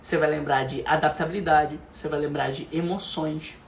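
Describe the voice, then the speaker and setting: A man giving a motivational lesson, emphatic and repetitive, often dropping to a soft, calm voice. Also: fairly high pitch, brisk, gravelly, a little hiss or hum. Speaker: leadership and speaking coach.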